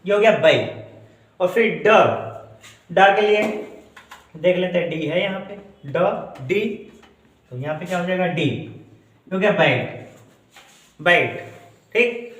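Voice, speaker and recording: Slow, high-voiced male Hindi teacher. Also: a bit bright. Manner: slow, repetitive, asks and answers his own questions. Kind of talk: classroom lesson on phonetic transcription. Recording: echoey room, mic far off.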